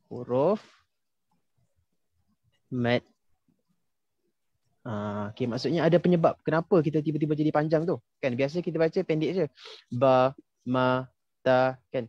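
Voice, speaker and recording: A man's voice: on the high side, moderate pace, long pauses, mellow, breathy edge, no echo. Man, young, patient teacher, quizzes students, dull lo-fi call sound. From Malaysia. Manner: patient, quizzes students, many fillers like ha and okey. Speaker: tajwid teacher. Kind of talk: casual online class instruction.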